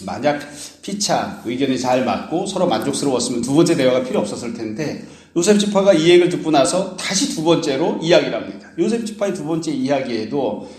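A male pastor preaches through a scripture passage, his pitch rising and falling with animation. He slips into the voices of the people in the text to make them vivid, and his voice rings in a roomy, echoing space. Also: fairly quick, few pauses. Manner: acts out the biblical speakers with lively paraphrase. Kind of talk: sermon exposition. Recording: roomy echo.

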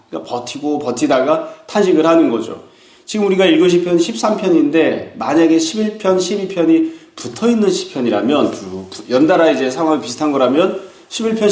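A man giving a calm, explanatory sermon on a psalm as a pastor, asking rhetorical questions. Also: fairly high pitch, roomy sound.

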